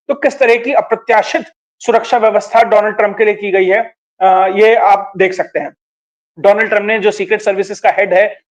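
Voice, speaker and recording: High-voiced man giving political commentary. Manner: measured, explanatory, with many filler pauses.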